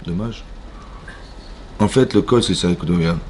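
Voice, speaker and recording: A man with a French accent, a rabbi giving an animated Torah class in a synagogue, questioning his listeners and acting out voices. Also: deep voice, a little slow, slight background noise. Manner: animated, asks the audience questions, acts out voices. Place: synagogue hall.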